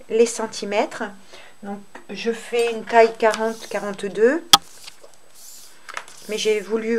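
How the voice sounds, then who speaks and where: A woman hosting a crochet tutorial, explaining step by step in an unhurried, hesitant way with many fillers. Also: mid-range voice, darkish tone. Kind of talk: casual spoken tutorial.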